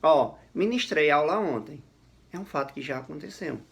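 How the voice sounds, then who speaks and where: A man teaching a grammar lesson on video, lively and emphatic, often checking in with his students. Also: a little high, normal speed, vocal fry.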